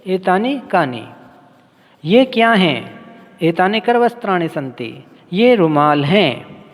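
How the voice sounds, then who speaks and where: A man teaching a language lesson, drilling words slowly and carefully, then giving their meanings. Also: high-pitched, big pitch swings, long reverb tail. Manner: slow, careful drill pronunciation with translations. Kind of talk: classroom lesson.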